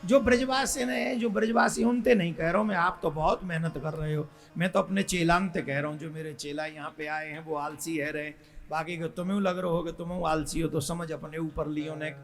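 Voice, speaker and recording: A middle-aged man with a Braj accent telling a devotional story to a large gathering, rousing the crowd to cheer loudly. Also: a little high, fairly even intonation, a little fast, gravelly, soft background music. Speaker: spiritual storyteller. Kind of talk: devotional sermon.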